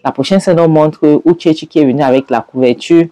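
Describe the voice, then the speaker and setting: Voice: medium pitch, brisk, mellow, no echo. A storyteller retelling a film scene by scene, hesitant with fillers. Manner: hesitant, with fillers and acted quotes.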